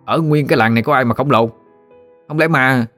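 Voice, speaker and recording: A man's voice: mid-range voice, brisk, bright, forceful tone, faint music behind, pitched above the performer's own voice, natural voice. A man voicing a burly, boastful boy bully who taunts and swaggers. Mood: taunting.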